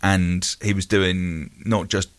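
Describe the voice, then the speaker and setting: British male comedian guest, deep-pitched, casual, halting and rambling interview delivery. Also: fairly even intonation. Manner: hesitant, rambling.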